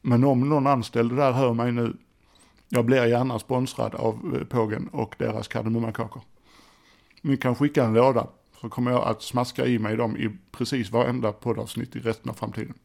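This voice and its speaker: A middle-aged man talks alone into a desk microphone for his podcast. His voice has a gravelly edge and a middling pitch. He rambles cheerfully, jokes at his own expense and keeps restarting his sentences. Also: level tone, darkish tone. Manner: rambling, self-deprecating, chatty with many restarts. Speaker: podcast host. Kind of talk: casual solo podcast monologue. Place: indoors at a desk. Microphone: desk microphone by a computer.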